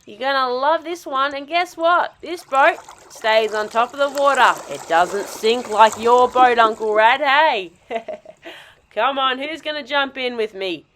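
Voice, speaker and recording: A hearty, reassuring dog dad from a children's cartoon-style toy story voiced by a woman. The voice is pushed down from her usual high register, with encouraging, cheerful phrasing at a relaxed speed. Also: measured pace, a little hiss or hum. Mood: upbeat.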